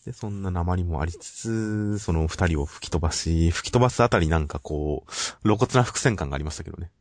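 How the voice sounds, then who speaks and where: A man with a low, steady voice talks through manga chapters in a measured, polite way. The sound is dry and close, with no room around it. He sounds like a regular co-host in casual chat. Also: no echo. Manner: measured, polite, summarizing plot. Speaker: podcast co-host reviewing manga.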